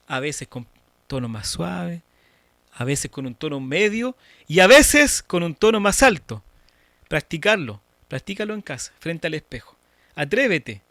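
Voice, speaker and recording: A man with a Chilean accent teaching an online church course, talking directly to students in a lively, demonstrative way over a video call. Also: a little high, no room sound. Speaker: church course instructor and moderator.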